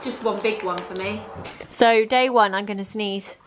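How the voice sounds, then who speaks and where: A woman's voice: mid-range voice, steady tone, normal speed, faint music behind. A young woman in her twenties chatting casually in a home vlog, sneezing often and saying bless you. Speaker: vlogger. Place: home indoors. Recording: echoey room.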